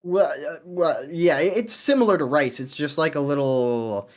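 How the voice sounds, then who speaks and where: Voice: mid-range voice, moderate pace. A podcast co-host chatting casually, rambling and laughing easily.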